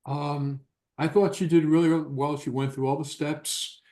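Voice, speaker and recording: A man in a workshop giving feedback on a classmate's exercise in a halting way, full of ums and uhs. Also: fairly high pitch, steady tone, dark tone, echoey room. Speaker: workshop participant. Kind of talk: giving feedback in a training session.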